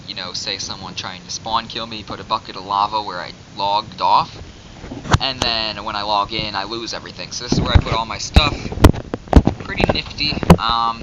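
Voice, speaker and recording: A man casually narrating his own Minecraft gameplay, chatty and rambling, getting exasperated with a glitchy in-game dog. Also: mid-range voice. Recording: dull lo-fi mic with loud noise.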